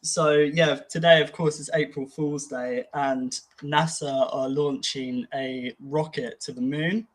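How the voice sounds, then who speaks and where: A man co-hosting a casual podcast, easygoing and reflective, with filler pauses. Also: on the high side, steady tone. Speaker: podcast co-host. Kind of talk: casual conversational podcast chat.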